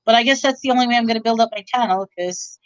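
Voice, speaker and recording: A middle-aged reseller livestream host with a New York accent races through a casual chat with her viewers in a fairly high voice. She rambles and keeps correcting herself. There's no echo, and the audio sounds dull.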